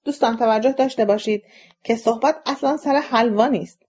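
A woman's voice: a little high, darkish tone, breathy edge. A woman voicing an exasperated philosopher man. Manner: impatient, short-tempered. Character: exasperated male philosopher arguing with a crowd. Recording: dull lo-fi recording.

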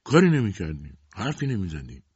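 A man's voice: sits low, very animated, a little mellow, breathy edge, highs cut off, exaggerated voice. A man voicing a resentful young son answering his mother curtly in a storybook reading. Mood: defensive. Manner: defensive, curt.

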